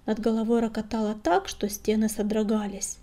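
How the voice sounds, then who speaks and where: A woman narrating an audiobook in a soft, hushed whisper. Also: fairly high pitch, flat delivery, moderate pace. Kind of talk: whispered storytelling.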